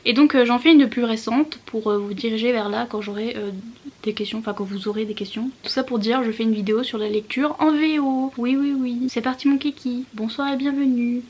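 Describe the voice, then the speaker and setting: A woman's voice: a little high, a little fast. A young woman chatting casually to camera as a YouTuber, giggly and self-mocking as she rambles from one aside to the next. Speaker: YouTuber talking about reading.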